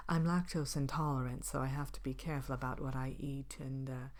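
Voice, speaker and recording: A woman voicing a haughty, vain evil fairy-tale queen in an ASMR role-play, soft-spoken and partly whispered, pompous and languidly disdainful. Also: extremely low pitch, steady tone. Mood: breezy, smug. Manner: pompous, languid, theatrical disdain with drawn-out words. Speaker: host of a character Q&A show. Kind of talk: ASMR character role-play, answering questions.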